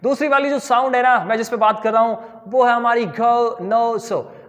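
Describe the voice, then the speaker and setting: High-voiced Indian man teaching English. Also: fairly even intonation, normal speed, fairly bright tone, long reverb tail. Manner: addresses viewers as dear children, drills sounds by repeating them. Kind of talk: spoken English lesson.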